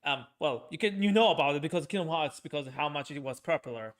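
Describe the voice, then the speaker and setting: A man's voice: on the high side, animated, quick pace. Rambling man with a raised voice. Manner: rambling, many fillers and restarts. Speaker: streamer and podcast host. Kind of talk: casual chat.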